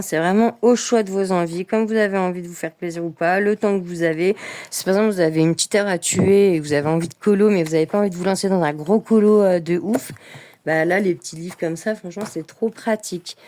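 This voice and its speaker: A woman's voice: mid-range voice, darkish tone. A woman chatting casually in a vlog about coloring books, enthusiastic and full of fillers. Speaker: coloring book vlogger.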